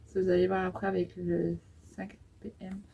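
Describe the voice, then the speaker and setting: A woman's voice: on the low side, level tone, normal speed, creaky, lo-fi sound, a little hiss or hum. A woman in her twenties talking through a makeup tutorial in a casual, hesitant way, with many fillers as she applies eyeshadow. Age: 20s. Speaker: beauty vlogger.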